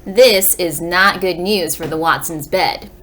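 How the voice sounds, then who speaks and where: Speaking in a voice on the low side, unhurried and a bit bright, a woman teaches elementary school children through a read-aloud lesson. She explains and reads as she addresses the young listeners directly, asking them simple questions. Slight background noise is present.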